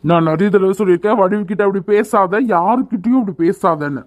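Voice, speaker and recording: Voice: medium pitch, fast, lightly acted. Hot-tempered voice for a cartoon young man. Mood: irritated. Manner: scolding, commanding. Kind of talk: animated cartoon voice acting.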